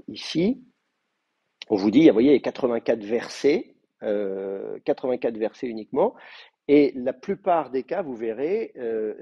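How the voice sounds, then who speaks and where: A man's voice: medium pitch, vocal fry, mellow, slightly rough, dry recording, highs cut off. A man with a French accent giving a university lecture on biblical Hebrew, hesitant with many fillers and restarts. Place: classroom, also streamed to remote students.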